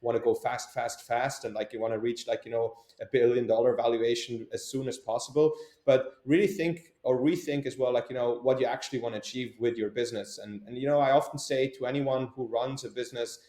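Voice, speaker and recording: A man's voice: medium pitch, steady tone, a little fast, warm tone. Hesitant young Swiss man, echoey room. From Switzerland. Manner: hesitant, many fillers and restarts. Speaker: entrepreneur guest. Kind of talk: casual interview answers.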